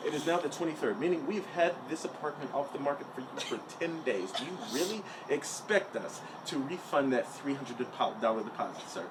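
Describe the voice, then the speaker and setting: A man playing a stiff, condescending male leasing agent who speaks slowly and formally. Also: medium pitch, expressive, background noise, lightly acted. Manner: slow, formal, lecturing.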